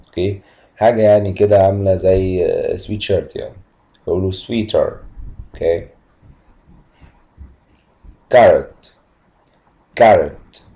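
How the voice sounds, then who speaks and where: A man teaching an English lesson, mixing Egyptian Arabic explanations with English words he says slowly twice. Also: deep voice, steady tone, warm tone, rough recording. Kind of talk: vocabulary lesson, slow repeated words.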